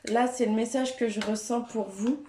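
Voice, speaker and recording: A woman speaking French gives a gentle, hesitant card-reading guidance, with many fillers. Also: fairly high pitch, steady tone, normal speed, roomy sound, slight background noise. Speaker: tarot and oracle card reader.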